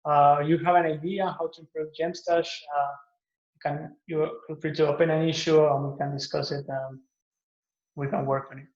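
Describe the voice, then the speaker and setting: A man from Guatemala gives a recorded pitch for an open source project he maintains, talking in a relaxed way with many "uh" fillers and restarts. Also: moderate pace. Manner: relaxed, with frequent "uh" and "um" fillers and self-repairs. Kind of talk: recorded conference pitch talk. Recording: echoey, muffled lo-fi room recording.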